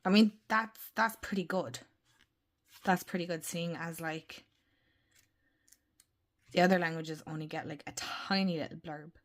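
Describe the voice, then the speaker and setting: A woman's voice: fairly low pitch, steady tone, a little slow, long pauses. Chatty woman with a worn voice. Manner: chatty, gushing, drops into soft whispers. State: voice worn from illness. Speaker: tarot deck reviewer. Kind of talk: casual unboxing review.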